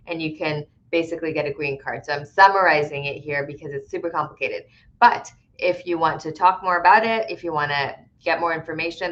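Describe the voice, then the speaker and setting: Low-voiced woman explaining with "right?" tags. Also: fairly bright tone, dull audio. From Connecticut, USA. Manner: conversational, explanatory, many "right?" tags and "um" fillers. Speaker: immigration attorney. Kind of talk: live-stream Q&A.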